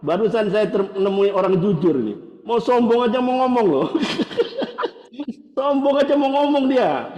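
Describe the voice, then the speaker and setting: A man's voice: sits high, warm tone, echoey room, big-room sound, low-quality recording. A man hosting a testimony interview, cheering the guest on with enthusiastic asides to the audience. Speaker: host, evangelist.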